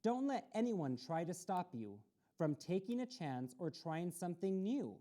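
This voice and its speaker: This is a mellow, lowish female voice, very animated yet unhurried. She's in a community access TV studio reading a picture book to children for a storytime show, addressing them directly and cheering them on.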